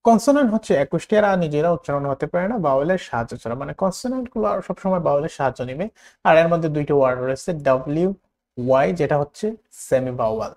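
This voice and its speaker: A man with a Bangladeshi accent teaching a spoken English lesson, repeating words slowly for learners to copy. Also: a little high, animated, a little mellow.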